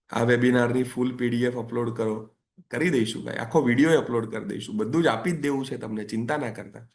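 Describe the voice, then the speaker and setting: A man's voice: mid-range voice, normal speed. A man giving a parenting webinar talk, conversational and coaxing, repeating phrases for emphasis. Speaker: parenting coach.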